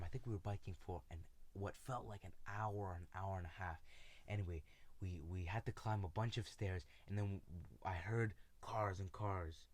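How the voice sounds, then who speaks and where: A man telling a personal story in a casual, halting way, with many fillers and restarts. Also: lowish voice, darkish tone. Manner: retells friends' lines in his own voice.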